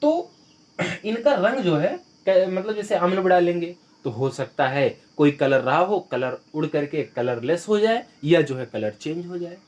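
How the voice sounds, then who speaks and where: A man with a slightly high voice teaches a school science class in Hindi. He works through each idea with everyday examples, asks questions and then answers them himself, and clears his throat now and then. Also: expressive, a little slow, darkish tone.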